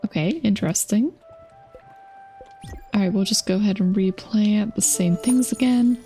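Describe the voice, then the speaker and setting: A woman's voice: mid-range voice, normal speed, dark tone, soft background music. A woman streamer chatting casually to her viewers while playing a game. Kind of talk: casual gaming chat.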